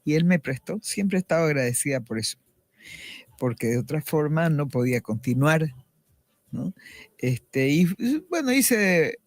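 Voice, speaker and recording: A woman's voice: low voice, lively intonation, normal speed, no echo. A middle-aged woman giving a personal faith testimony as a radio interview guest, earnest and reflective, often restarting her sentences.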